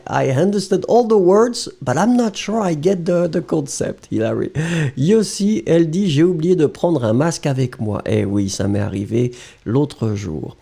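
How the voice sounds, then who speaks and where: A native French speaker with a high-ish, creaky, husky, warm voice teaches a live lesson. He reads out viewer comments and explains them in English, chuckling often.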